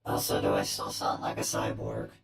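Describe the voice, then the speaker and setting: A man's voice: very deep voice, completely flat delivery, moderate pace, vocal fry. A man live-streaming in casual chat, speaking through a half-robotic cyborg voice filter and rambling as he trails off mid-thought. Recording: echoey, loud music behind.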